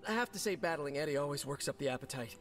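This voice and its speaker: A man's voice: expressive, a bit bright. A quippy young Spider-Man. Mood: chatty. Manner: jokey, fast and playful, voice jumping high and low. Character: young male superhero, quippy and nervous. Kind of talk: video game voice acting.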